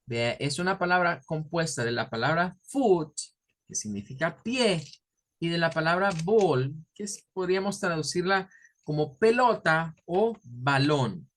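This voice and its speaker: A man teaching a class, explaining step by step, slowing down to stretch key words and often checking with his students. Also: a little high, lively intonation, fairly bright tone. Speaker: English teacher. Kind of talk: online class lecture.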